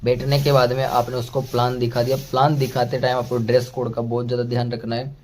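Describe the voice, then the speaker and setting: A man's voice: medium pitch, completely flat delivery, quick pace, a little hiss or hum. A man giving a motivational sales training talk, calling the listener "friend" and going through numbered steps one by one. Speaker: network marketing trainer.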